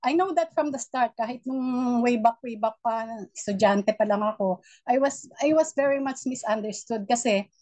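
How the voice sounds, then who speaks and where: A middle-aged woman mentor giving a motivational training talk, with a naturally loud voice and a preachy, encouraging manner. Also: fairly high pitch, normal speed, dry recording. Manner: loud voice, warm and preachy, mixing English in. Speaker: network marketing mentor.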